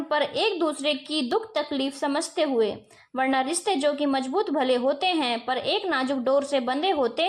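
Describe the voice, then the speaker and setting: A woman voicing a short-tempered husband and father who lectures his children gently. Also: sits high. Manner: stern then gently explaining.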